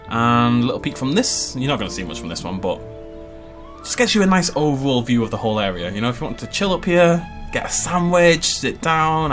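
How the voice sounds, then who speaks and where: Building a park in a video game, a male game channel host keeps up easygoing, chatty commentary in a mid-range, slightly bright voice. Laughter and playful side remarks come up often.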